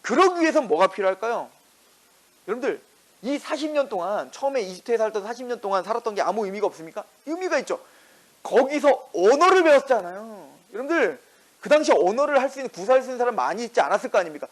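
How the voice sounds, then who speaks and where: A male pastor preaching a sermon in a lively way, firing rhetorical questions and acting out the quotes in his story. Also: very high voice, quick pace, rough recording.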